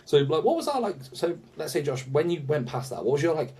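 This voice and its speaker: A man hosting a podcast, chatting casually with animated banter and frequent swearing. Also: fairly high pitch, fast, slightly rough. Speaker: podcast host.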